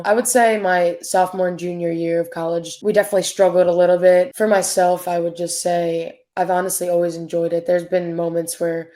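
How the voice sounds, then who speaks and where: A woman in her twenties, a pro soccer player, answering interview questions in a relaxed, chatty way full of fillers. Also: lowish voice. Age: 20s. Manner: laid-back, filler-heavy, upbeat. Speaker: professional soccer player, guest. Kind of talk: casual interview chat.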